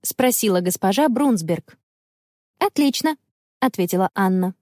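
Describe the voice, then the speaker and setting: A woman narrating a children's audiobook in a clear, expressive reading style. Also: medium pitch, moderate pace, dry recording, clean studio sound. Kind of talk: scripted storybook narration.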